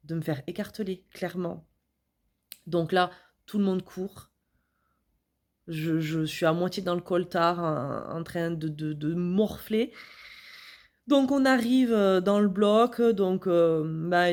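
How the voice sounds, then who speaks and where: A young woman recounts a story to her viewers in a casual, animated way, slipping into her own remembered thoughts with vivid emphasis. Her voice sits a little low for a woman. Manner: animated, dramatic retelling with quoted thoughts. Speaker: vlogger telling her birth story.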